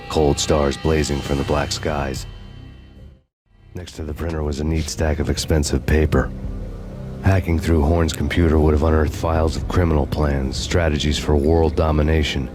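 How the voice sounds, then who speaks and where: Over a loud music score, an embittered ex-cop tells the story of his revenge in noir voice-over style. His extremely deep voice hardly moves in pitch, and his delivery is brooding and deadpan.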